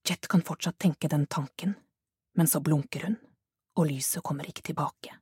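A woman narrating a thriller audiobook in a measured, hushed manner. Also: low voice, slightly rough, dry recording, clean studio sound. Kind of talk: scripted narration.

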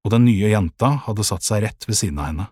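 A man narrating a children's audiobook in a calm, measured way, with a husky voice. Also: fairly low pitch, no room sound, clean studio sound.

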